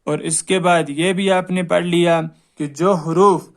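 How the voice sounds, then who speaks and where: High-pitched male teacher, drills each letter slowly and loudly, brisk explanations between. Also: fairly even intonation. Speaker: Quran reading teacher. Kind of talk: recorded lesson.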